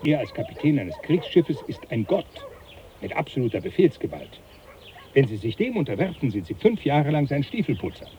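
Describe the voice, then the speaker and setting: An actor playing a jovial, teasing professor who laughs often, in a radio play. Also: male voice, mid-range voice, big pitch swings, moderate pace, dull audio, a little hiss or hum, natural voice. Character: jovial older male professor, mocking. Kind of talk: 1980s radio play acting.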